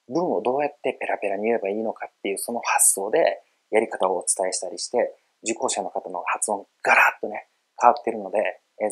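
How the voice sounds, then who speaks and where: A man's voice: lowish voice, slightly rough, rough recording. A middle-aged man teaching English pronunciation in a casual video lesson, explaining in a friendly way and demonstrating words with exaggerated emphasis. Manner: friendly, explanatory, calls himself an old guy.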